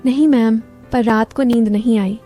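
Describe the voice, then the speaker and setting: Woman reading a shy young male patient, hesitant and bashful, mellow tone. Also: a little high, steady tone, moderate pace, soft background music, natural voice.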